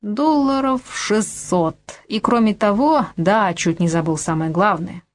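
Woman reading bossy financier guy, crisp, lecturing, always counting money. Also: mid-range voice, a little slow, close to an everyday voice. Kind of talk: audiobook character voice.

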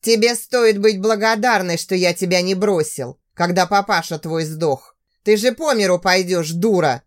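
A woman's voice: lowish voice, moderate pace, close to an everyday voice. A woman voicing a cruel, abusive young husband who sneers and growls threats in a storybook reading. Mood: contemptuous.

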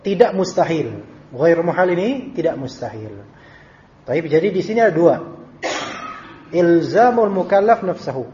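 A fairly high-pitched male teacher lectures in a relaxed, conversational way, dropping Arabic terms into his Indonesian and voicing short back-and-forth exchanges. The audio is dull and lo-fi. A faint hiss of room noise runs underneath. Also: normal speed, long pauses. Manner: conversational, acts out short dialogues with shifting pitch. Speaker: Islamic teacher. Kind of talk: recorded study-circle lecture.

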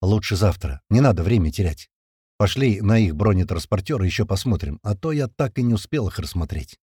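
A man voicing a gruff male squad commander who talks curtly and gives orders, in an audiobook. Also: on the low side, animated, brisk, warm tone, no room sound, clean studio sound. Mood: calm. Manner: curt, commanding.

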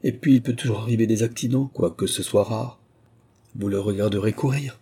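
A calm, wry aristocratic father, read by a male narrator who speaks evenly and teases gently. The voice is low, husky and mellow. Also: a little fast. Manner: tranquil, gently teasing.

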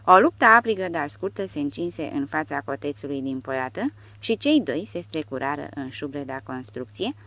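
A woman narrating a war novel audiobook with steady storytelling. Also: deep voice, dry recording. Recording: dull lo-fi audio.

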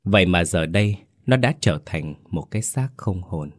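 A man hosting a channel and narrating a ghost story at a steady, measured storytelling pace. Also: low voice, no echo, clean studio sound. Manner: steady, measured storytelling with a polite host's greeting.

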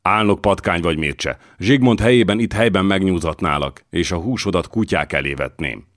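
A man reading as a gruff hot-tempered warrior. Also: low-pitched, no room sound, clean studio sound, pitched above the performer's own voice, lightly acted. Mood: angry. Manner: gruff, threatening.

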